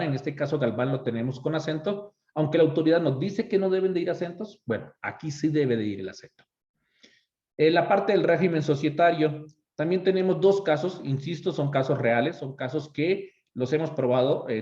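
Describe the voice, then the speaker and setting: Mexican male instructor, relaxed explanatory delivery, dull roomy recording. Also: a little high. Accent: Mexican Spanish. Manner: conversational, checks in with frequent "ok?". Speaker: course instructor. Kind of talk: explanatory tutorial lecture. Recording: echoey room, slightly dull lo-fi sound.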